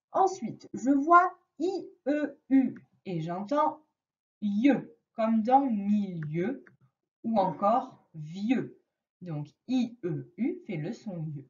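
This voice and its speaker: A woman teaching a reading lesson to a young child, slowly and patiently stressing each sound. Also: medium pitch, sing-song, a bit bright, far from the mic, lo-fi sound. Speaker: primary school teacher.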